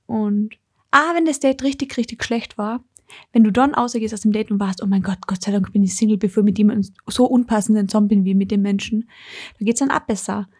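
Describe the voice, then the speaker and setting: A woman's voice: medium pitch, fairly even intonation, brisk, husky. A woman with an Austrian accent hosting her own podcast, chatting casually and telling stories in which she acts out her own thoughts. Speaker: podcast host. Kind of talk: casual solo podcast chat.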